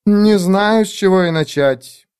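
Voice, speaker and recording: A man's voice: sits high, measured pace, a little mellow, clear, resonant tone, voice pushed up. A man voicing a stern, exasperated priestess.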